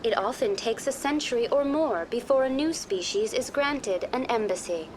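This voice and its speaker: A woman voicing a courteous virtual intelligence guide in a science fiction game, formal, measured and impersonal. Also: on the high side, animated, noisy background, natural voice. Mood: polite, composed. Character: courteous female virtual intelligence tour guide on a space station. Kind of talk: scripted informational game dialogue.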